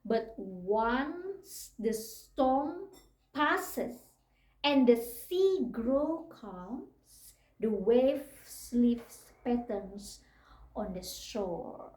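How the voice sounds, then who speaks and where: Woman, storybook reader, very slow and soft, higher voice, roomy sound. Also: lively intonation. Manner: slow, gentle, warm read-aloud with asides and soft laughs. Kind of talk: reading a picture book aloud to a child. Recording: roomy echo.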